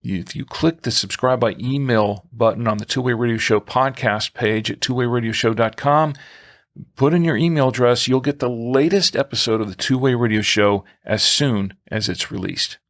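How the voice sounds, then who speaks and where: In a conversational podcast, a man with a medium-pitched, fairly bright voice handles listener mail and show business, his speech frequently stopping and pausing.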